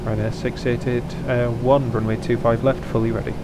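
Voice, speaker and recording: Man, pilot on a cockpit headset, chatty, relaxed, mid pitch, heavy engine noise. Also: moderate pace. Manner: chatty, relaxed, talks through each step. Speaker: flight simulator streamer flying as pilot. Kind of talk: casual live gameplay commentary with radio calls.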